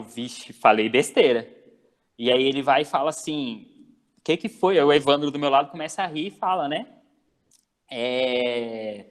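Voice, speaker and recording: A middle-aged man, telling a story in a casual talk and acting out the dialogue. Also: a little high. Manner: animated, acts out quoted dialogue. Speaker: guest speaker.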